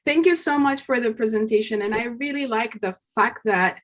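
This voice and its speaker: A woman's voice: fairly high pitch, moderate pace, fairly bright tone. A woman puts an informal question at a conference, talking conversationally and thinking aloud as she goes. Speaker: audience member asking a question.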